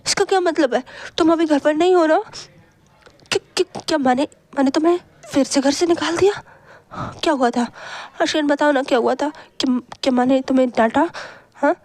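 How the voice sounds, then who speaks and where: A woman voicing an anxious, gentle young woman in a read-aloud story, pleading with a rush of worried questions. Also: high voice, normal speed, dry recording, natural voice. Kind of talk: storybook reading.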